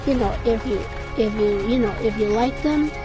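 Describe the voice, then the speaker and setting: Her slightly high voice moves at normal speed, and a dry throat lends it a bit of scratchiness. She is a gaming streamer in her twenties whose casual commentary over game music rambles, often trailing off before she starts over.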